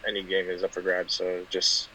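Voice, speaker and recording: A young man from California, a guest football player, talking softly in a casual interview with lots of fillers. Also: deep voice, completely flat delivery, normal speed, slight background noise, low-quality recording. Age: 20s. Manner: soft-spoken, many fillers and restarts.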